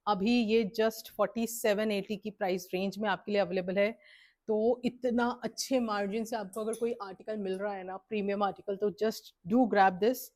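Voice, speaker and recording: Persuasive woman showing off suits. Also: medium pitch. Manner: mixes Hindi and English, enthusiastic and persuasive. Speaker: boutique owner selling suits. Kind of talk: sales presentation of clothes.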